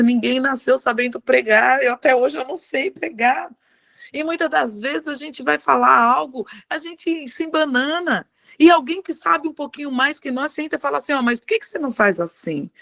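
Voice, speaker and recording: Animated woman preaching a devotional sermon. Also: high-pitched, gravelly, no room sound. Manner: animated preaching, acting out quoted dialogue. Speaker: pastor.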